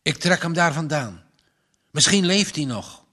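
A man's voice: on the high side, expressive, measured pace, pushed and bright, exaggerated voice. A man voicing a big older farmer who speaks in an earnest, trembling voice.

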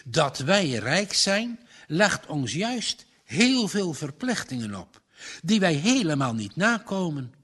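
Man doing a calm earnest young guy, slow steady talk. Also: a little high, breathy edge, exaggerated voice. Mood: firm. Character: earnest young farmer's son, calm, firm.

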